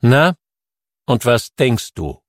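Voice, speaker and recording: A man's voice: mid-range voice, very animated, slow pace, no echo, studio quality, voice pushed up. A man reading an audiobook, voicing a hard, suspicious young man under strain who speaks curtly and sternly. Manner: curt, stern.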